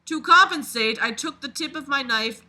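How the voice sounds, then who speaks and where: With a high voice at normal speed, a reader gives a dramatic, expressive read-aloud of a novel. The exclamatory reading keeps breaking off into mocking commentary and swearing.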